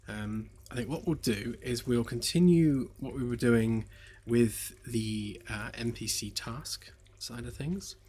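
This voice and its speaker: Working on his game live, the streamer speaks slowly yet with hardly any pauses, his mid-range voice a little mellow but slightly hoarse from losing it. The chat stays casual and rambling, packed with fillers, hesitations and self-mocking humor, with faint lo-fi music in the background.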